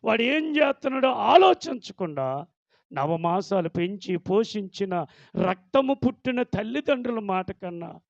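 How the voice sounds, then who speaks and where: A man's voice: high voice, gravelly, a little mellow, no room sound, highs cut off. A male pastor telling a story in a sermon, dramatic and acting out each character.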